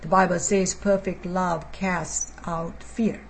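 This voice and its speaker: A woman preacher teaching a sermon in a measured way, repeating key phrases for emphasis. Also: lowish voice, steady tone, creaky, slight background noise, poor audio.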